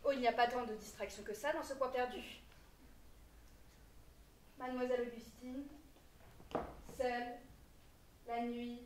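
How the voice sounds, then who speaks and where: A woman's voice: a little high, steady tone, measured pace, long pauses, close to an everyday voice. Distant, dryly teasing servant woman, acted on stage. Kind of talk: amateur stage comedy acting. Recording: distant, echoey theatre stage, clear noise.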